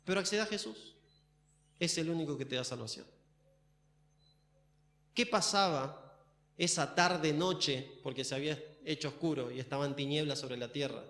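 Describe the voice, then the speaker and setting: A pastor with an Argentine accent preaching a sermon in a church, asking many questions and stressing key words. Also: male voice, fairly high pitch, moderate pace, long pauses, fairly bright tone. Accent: Argentine Spanish. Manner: questioning, emphatic. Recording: roomy church echo.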